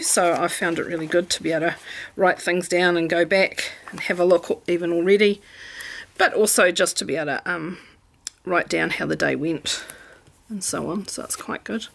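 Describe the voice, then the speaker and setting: New Zealand woman, middle-aged, gravelly, lowish voice, chatty craft vlog at home. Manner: chatty, relaxed, many ums. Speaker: planner vlogger. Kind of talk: casual craft chat. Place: home room.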